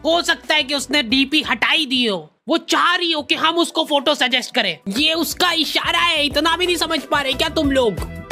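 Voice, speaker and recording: A man's voice: extremely high pitch, moderate pace, pushed and bright, faint music behind, heavily acted. A man playing a boastful college senior who lectures younger boys about girls, in a bragging, preachy manner. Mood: lecturing. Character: boastful male college senior, self-styled love guru. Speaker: senior student.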